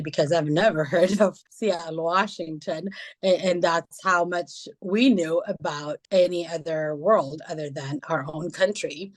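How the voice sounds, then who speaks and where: A woman in her forties from Ethiopia, telling her life story in an interview, thoughtful with many pauses and fillers. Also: fairly low pitch. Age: 40s.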